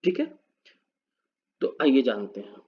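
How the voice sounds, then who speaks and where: A man's voice: medium pitch, huge pitch swings, slow pace, slightly rough. A man teaching a spoken English lesson, spelling words out letter by letter and answering his own questions. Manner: quizzes the viewer, then answers himself. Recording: dull lo-fi recording.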